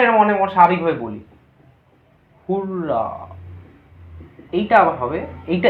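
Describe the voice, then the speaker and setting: A woman teacher explaining a grammar lesson, asking her students questions and then answering them herself. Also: medium pitch. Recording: echoey, dull lo-fi room recording.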